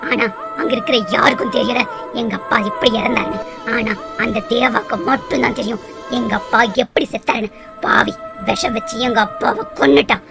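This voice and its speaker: A woman's voice: on the high side, steady tone, fairly quick, creaky. A woman voicing the ghost of a murdered young village woman, narrating her own story with bitter grief, over background music. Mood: grim.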